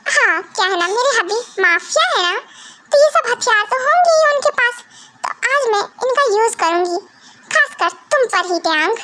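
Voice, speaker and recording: A woman's voice: extremely high pitch, lively intonation, moderate pace, bright, forceful tone, full character voice. A woman voicing a jealous, defiant young wife who argues tearfully and stubbornly in an amateur fan dub.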